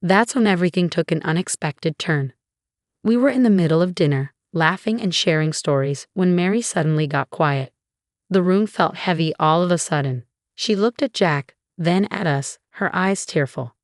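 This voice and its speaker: A woman narrating a first-person story in an even, measured way. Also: fairly low pitch, dry recording, studio quality.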